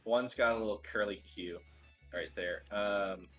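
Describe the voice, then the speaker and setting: A man's voice: fairly low pitch, a little slow, a bit bright, soft background music, rough recording. A man running a tabletop game as game master, narrating with frequent laughs and fillers.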